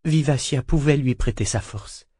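A man narrating a fantasy novel in a steady, measured way. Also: medium pitch, husky, dry recording, studio quality. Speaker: audiobook narrator. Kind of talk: dramatic audiobook narration.

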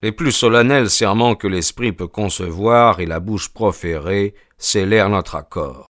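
A man reading an audiobook, narrating a first-person story in a measured, steady way. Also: lowish voice, no room sound, clean studio sound. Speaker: audiobook reader.

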